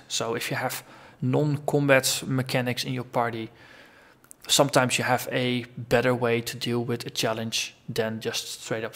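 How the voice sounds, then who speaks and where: Deep into a long solo vlog for his gaming channel, a man thinks out loud in a casual, rambling way. His mid-range voice is gravelly with a fairly bright tone, and it's beginning to wear out from recording so long.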